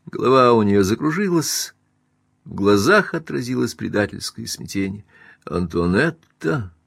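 A man reading a classic novel aloud as audiobook narrator, even and measured. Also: mid-range voice, vocal fry, husky, no echo, studio quality. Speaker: audiobook reader.

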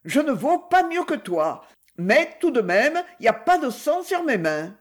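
A woman reading as a shrill, jealous wife. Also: sing-song, a little slow. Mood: accusing.

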